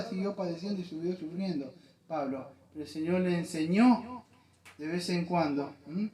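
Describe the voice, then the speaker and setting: A man preaching in Argentine Spanish with an earnest, repetitive delivery, his voice sitting a bit higher than most men's. The room around him is echoey, like a church hall. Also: darkish tone. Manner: earnest, repetitive, addresses listeners as "amado". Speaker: pastor. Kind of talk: sermon.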